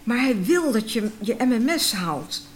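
A woman reading the quoted words of a calm, caring mother in a read-aloud story. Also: a little high, measured pace, slight background noise.

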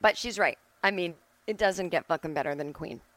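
A middle-aged woman hosts a solo podcast from home, ranting casually and bluntly with emphatic, sweary opinions. Her voice is on the low side and a bit bright, fairly quick, with no echo.

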